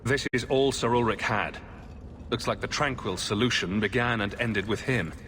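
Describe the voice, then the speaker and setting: A man's voice: mid-range voice, moderate pace, fairly bright tone, slight background noise, close to an everyday voice. A man playing a wry, self-assured adventurer in a video game, with a dry, sarcastic delivery. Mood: dry, composed.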